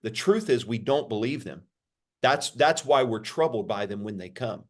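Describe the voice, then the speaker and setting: A pastor, a man, answering interview questions in a sermon-like way, repeating phrases and lifting his pitch for emphasis. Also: expressive, moderate pace. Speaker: pastor, podcast guest.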